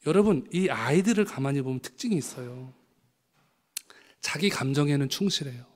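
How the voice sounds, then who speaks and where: A man, a pastor, preaching a sermon with animated storytelling, acting out voices from his anecdotes. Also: medium pitch, a little fast. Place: church sanctuary. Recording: long hall reverb.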